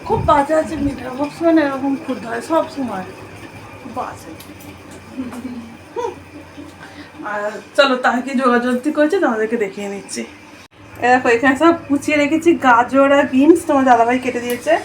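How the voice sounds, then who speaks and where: Brief: woman vlogger, high voice, chatty and friendly with viewers, noisy home recording. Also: normal speed, pauses often. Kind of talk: casual home vlog chat.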